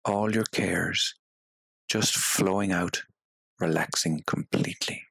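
In a very low, husky, gravelly voice, a man leads a guided meditation, speaking softly and hypnotically with long pauses between phrases. His tone stays steady, and the recording is close, fully dry with no echo, and of low quality.

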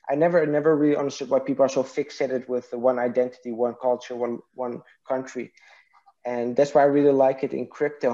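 A man from Iraq who speaks, answering interview questions in a thoughtful, hesitant way. His voice is mellow and dark, and the sound is slightly dull and lo-fi, like remote call audio. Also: mid-range voice. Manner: thoughtful, hesitant, many restarts and fillers. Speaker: guest, partnerships and marketing executive.

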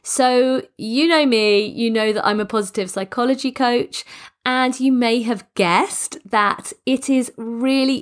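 A middle-aged woman hosting her own podcast as a business coach, sounding croaky and congested from a cold, talking in long, upbeat, motivational sentences. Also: on the high side. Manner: enthusiastic, motivational, speaks in long flowing sentences. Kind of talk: solo podcast monologue.

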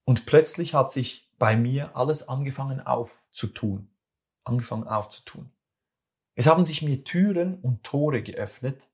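Man, podcast host, coaching monologue, emphatic, direct address, mid-pitched voice. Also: a little slow, a little mellow.

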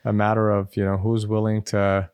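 A man's voice: fairly low pitch, monotone, moderate pace, a little mellow, clean tone, dry recording. An American man, a medical school admissions advisor, answering interview questions in a conversational way with many fillers. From United States.

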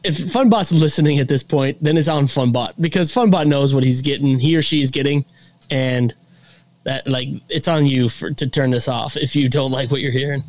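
A man's voice: mid-range voice, normal speed, a little mellow, no echo. A young man from Minnesota, co-hosting a podcast in a casual chat, talking a lot with fillers and frequent laughs. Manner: chatty, laughs often, many fillers. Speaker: podcast co-host.

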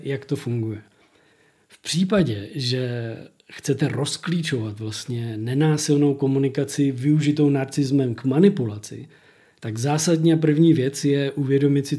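A man talks as a relationship coach on a podcast. His voice is mellow and warm at an ordinary middle pitch, and he explains things by acting out quoted phrases in other voices. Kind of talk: podcast conversation.

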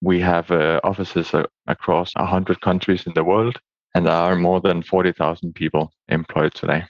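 Deep-voiced guy, 30s, explaining things w some uhs, dry dull sound. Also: flat delivery, normal speed, dry recording. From Denmark. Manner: explanatory, with fillers. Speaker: guest expert. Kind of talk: interview answers.

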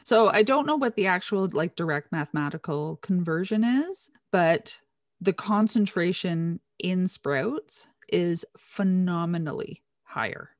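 A woman with a lowish voice co-hosts a relaxed talk show, walking through a science study with real enthusiasm. Her sound is close and dry, with no room around it. She explains step by step and keeps the tone chatty. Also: measured pace, no echo. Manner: enthusiastic, explains research in detail. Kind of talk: casual science chat.

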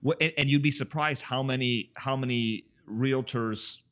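A man's voice: medium pitch, steady tone, moderate pace, fairly bright tone. A man, a mortgage expert, explaining at length in a casual podcast chat, with frequent "you know" and "right".

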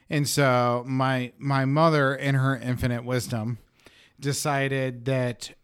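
A man's voice: mid-range voice, fairly bright tone, smooth. A young man telling a story as a podcast guest, laughing as he goes. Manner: laughs while telling stories, restarts and fillers. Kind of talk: casual conversation, storytelling.

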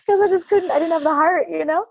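A woman telling a long personal story in a casual interview, animated, laughing often and acting out what people said. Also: very high voice, quick pace, creaky. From Alaska. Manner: animated, laughing, acts out quotes. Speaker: guest. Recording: dull, slightly lo-fi, dry sound.

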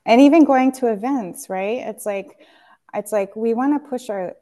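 A woman's voice: on the high side, moderate pace, mellow. A woman, a company founder, speaking candidly and reflectively on a podcast, with frequent fillers and restarts. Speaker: guest, tea company founder.

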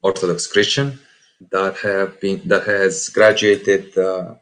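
A man in his late twenties with a low-pitched voice and a Serbian accent. He talks in a casual, reflective interview style, stopping and restarting phrases as he searches for wording. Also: fairly bright tone. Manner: halting, repeats and rephrases words. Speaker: podcast guest.

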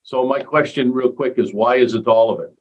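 A man's voice: mid-range voice, a little fast, breathy edge, muffled recording. A man co-hosting a casual interview, chatting and asking questions. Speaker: co-host.

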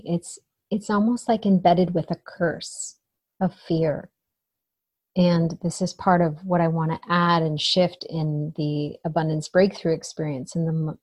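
A woman with a mellow, fairly low voice leads a guided meditation in the manner of a spiritual coach. She is soothing and unhurried, leaving gentle pauses between instructions. The sound is close and dry. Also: no room sound.

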